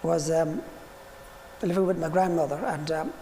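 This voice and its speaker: A man reminiscing informally in an interview, halting and repeating his words. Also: on the high side, fairly even intonation, mellow. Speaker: musician interviewee. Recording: noisy, reverberant room.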